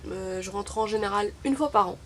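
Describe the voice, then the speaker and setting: Speaking fairly quickly at medium pitch, a young woman from Morocco, an Arabic speaker from birth, vlogs to camera in a wry, chatty manner marked by many hesitations. Slight background noise can be heard.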